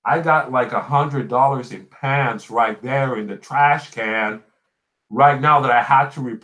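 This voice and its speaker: A man's voice: medium pitch, unhurried, pushed and bright. A man with a Puerto Rican accent and Spanish as his first language hosts a casual chat, telling stories emphatically and repeating phrases for effect. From Puerto Rico. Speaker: podcast host and small YouTuber. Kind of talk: casual chat answering live viewer comments.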